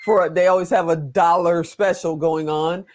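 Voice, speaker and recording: A man's voice: a little high, steady tone, moderate pace. A man hosting an interview, asking questions in a chatty, rambling way and adding jokes. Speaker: interview host. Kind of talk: casual interview talk.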